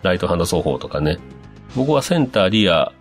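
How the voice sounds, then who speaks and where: Male host, very low voice, relaxed chatty reader of listener messages, light music bed. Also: a little fast. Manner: relaxed, chatty, with frequent fillers and musing asides. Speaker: podcast host. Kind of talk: casual radio-style talk reading listener messages.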